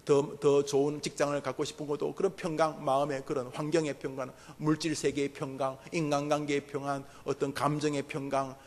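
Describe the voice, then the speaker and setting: A man's voice: a little high, little pitch movement, fairly quick, hardly any pauses. A man delivers a sermon with a somewhat raised voice. His words ring out with a long reverb through a church hall as he leads the congregation in prayer, calling out one name after another. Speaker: pastor. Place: church sanctuary.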